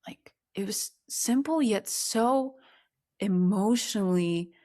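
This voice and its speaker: A Ukrainian woman in her thirties shares her personal story as a guest on a podcast. She speaks with a warm, mid-range voice, reflective and earnest, slowing down at the emotional moments.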